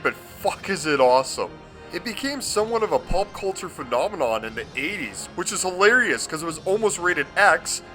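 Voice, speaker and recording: Excitable high-voiced man reviewing a movie. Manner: profane, excitable and gushing.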